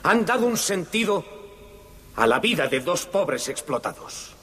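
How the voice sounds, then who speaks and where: A man's voice: high voice, sing-song, unhurried, background noise. An actor playing a condemned Italian anarchist man giving a solemn, impassioned final statement in court, in a dubbed film.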